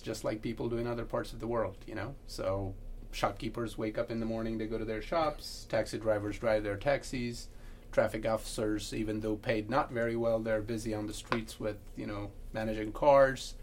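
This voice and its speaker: Earnest Afghan man with a gravelly voice. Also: medium pitch, fairly even intonation, a little hiss or hum. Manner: earnest, measured, with pauses and restarts. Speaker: guest. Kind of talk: podcast interview answers.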